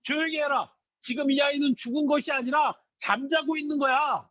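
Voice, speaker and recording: Jesus, read by a man, calm and solemn. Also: very high-pitched, moderate pace, dry recording, lo-fi sound, pitched above the performer's own voice.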